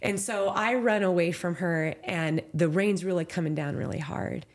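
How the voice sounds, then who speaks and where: Candid low-voiced woman telling a story. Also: normal speed. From Southern California. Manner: heartfelt, candid, lots of "like" and "you know". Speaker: professional trail runner, guest. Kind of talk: emotional storytelling in a podcast interview.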